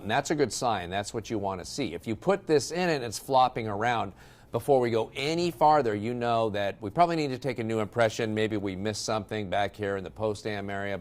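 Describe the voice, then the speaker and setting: Middle-aged male dentist-presenter, low-ish voice, casual instructional delivery. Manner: relaxed explanatory, with fillers. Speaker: dentist and dental lab presenter. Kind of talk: instructional demo talk.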